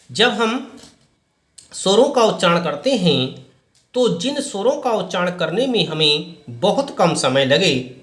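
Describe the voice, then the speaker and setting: A man teaching Hindi grammar to students, slow and deliberate, repeating each point in a different way. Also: fairly high pitch, fairly bright tone, echoey room. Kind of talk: explaining a lesson to students.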